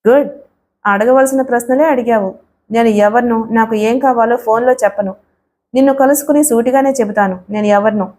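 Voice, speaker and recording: Woman reading as a mocking mystery caller, sweet and commanding, a young woman in an audiobook thriller, fairly high voice. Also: steady tone, normal speed, a little mellow, close to an everyday voice. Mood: teasing.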